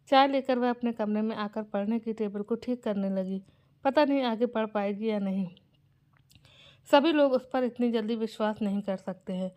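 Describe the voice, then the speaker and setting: A woman narrating an emotional family moral story in a gentle, scripted way. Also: medium pitch.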